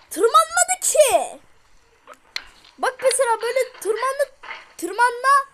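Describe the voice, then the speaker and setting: A young girl plays a frustrating game and talks through it, her very high voice bouncing all over the place. She drawls her words slowly as her annoyance builds. A steady hiss of noise sits under the recording. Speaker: gameplay streamer. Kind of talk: let's play commentary.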